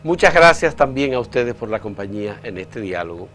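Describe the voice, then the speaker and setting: A man's voice: lowish voice, big pitch swings, a little fast, fairly bright tone, a little hiss or hum. A man with a Dominican Caribbean Spanish accent, hosting a conversational interview. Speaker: interview host.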